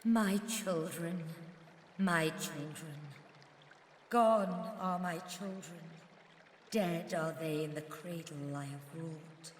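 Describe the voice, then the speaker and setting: A woman playing a sorrowful, tender mother goddess in a video game, with a slow, unearthly, whispering voice. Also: lowish voice. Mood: mournful. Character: grieving mother goddess spirit, ethereal and tender. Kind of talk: scripted video game voice acting. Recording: long echoing reverb, background noise.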